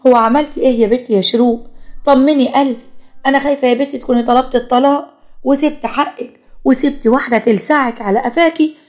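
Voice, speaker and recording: A worried, motherly older elder from an animated storybook, as a woman storyteller puts her on. She speaks fast and anxiously, in a slightly high voice. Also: close to an everyday voice.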